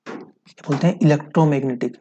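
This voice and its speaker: A man's voice: on the high side, brisk, dark tone, dull audio, a little hiss or hum. A man teaching a physics lesson, explaining step by step, asking his students questions and repeating key points.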